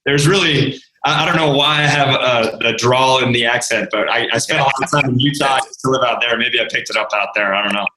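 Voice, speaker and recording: A man's voice: mid-range voice, fast, few pauses, sharp tone, echoey room, a little hiss or hum, poor audio. A man in his thirties from Rhode Island, a country radio DJ chatting easily as a guest and telling stories with frequent laughs. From Rhode Island, USA. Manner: easygoing storyteller, laughs often. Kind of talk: casual interview chat.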